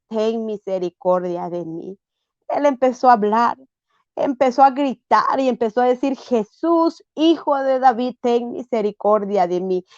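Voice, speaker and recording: A woman's voice: on the high side, no room sound, dull audio. A woman preaching a sermon, often asking her listeners "right?" and acting out the voices of people in the story. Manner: preaching with frequent tag questions and dramatized quotes.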